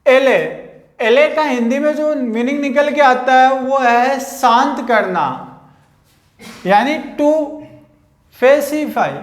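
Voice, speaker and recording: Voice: high voice, reverberant. A teacher giving an online vocabulary class, who repeats each word and spells it out letter by letter. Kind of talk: online vocabulary lesson with memory tricks.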